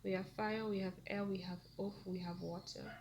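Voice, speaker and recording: A woman's voice: medium pitch, little pitch movement, moderate pace, background noise. A woman giving a casual tarot reading to her viewers, talking in a chatty, meandering way with frequent ums. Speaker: tarot reader.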